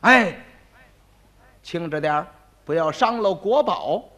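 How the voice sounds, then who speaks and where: A sly sham fortune-teller who drawls with put-on dignity and chants his predictions, as a man plays him. His high voice rises and dips with showy pomp. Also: animated, bright, forceful tone, heavily acted. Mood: pompous chant. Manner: slow, self-important, showy chanting. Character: sly, pompous male fortune-teller faking calm.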